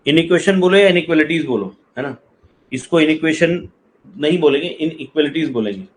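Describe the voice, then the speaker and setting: Step-by-step explanations and frequent questions about whether students follow mark this classroom lecture by a male math teacher with a slight touch. He speaks a little high and a little fast, over a rough recording with some hiss or hum.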